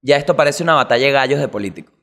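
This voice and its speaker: A man with a Venezuelan accent hosting a comedic news monologue, animated and slangy, swearing and jumping into quick impressions. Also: medium pitch. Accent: Venezuelan Spanish. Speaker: comedy show host.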